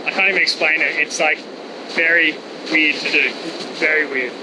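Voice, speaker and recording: A man filming from a cliff lookout, talking in a halting way as he searches for words. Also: on the high side, fairly even intonation, noisy background. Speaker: vlogger filming with a camera. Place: outdoors on a steel cliff lookout above crashing waves. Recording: outdoor audio with loud surf.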